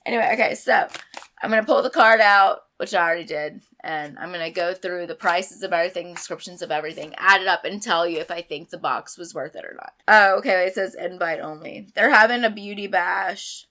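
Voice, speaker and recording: A young woman reviewing a beauty box in a chatty, emphatic way, hoarse and sick with a sore throat. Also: on the low side, fairly quick, pushed and bright. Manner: chatty, emphatic, rambling asides. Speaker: beauty vlogger. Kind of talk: casual unboxing review.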